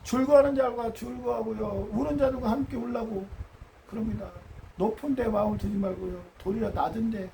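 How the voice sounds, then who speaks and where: A man's voice: high-pitched, steady tone, brisk, vocal fry, mellow, recorded from a distance, slight background noise, low-quality recording. A man preaching a sermon in an earnest way, asking his congregation rhetorical questions.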